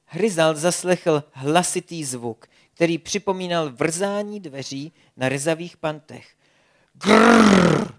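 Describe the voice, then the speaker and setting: A storyteller reading a children's animal adventure aloud with a lively, expressive delivery. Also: mid-range voice.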